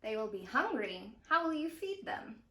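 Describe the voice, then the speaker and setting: High-pitched, questioning storybook mother, read by a woman. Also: sing-song, bright, forceful tone, far from the mic, a little hiss or hum. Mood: doubtful, questioning. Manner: slow, pointed, doubtful questioning. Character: questioning, practical mother in a picture book. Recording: roomy echo of a home interior.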